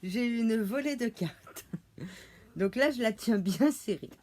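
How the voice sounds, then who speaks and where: A woman's voice: a little high, lively intonation, unhurried, a little mellow. A French woman chatting casually at home as she unboxes a witchcraft subscription box, hesitant, with many fillers and easy laughs. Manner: laughs easily while showing items. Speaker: unboxing vlogger.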